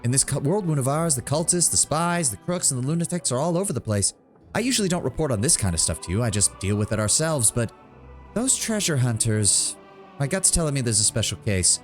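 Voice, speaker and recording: A man voicing an energetic female scout in a fantasy game, reporting in a folksy, plain-spoken way. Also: medium pitch, a little fast, faint music behind, pitched above the performer's own voice, natural voice. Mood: wary, matter-of-fact. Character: brisk, energetic female scout reporting trouble to her commander. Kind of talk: fantasy game dialogue read aloud.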